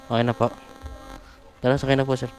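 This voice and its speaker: A man's voice: mid-range voice, flat delivery, fast, slight background noise. A man working as a motorbike taxi rider, chatting politely with his passenger and apologizing often, recorded outdoors on a small worn mic. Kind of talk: casual chat with a passenger. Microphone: small mic worn while riding.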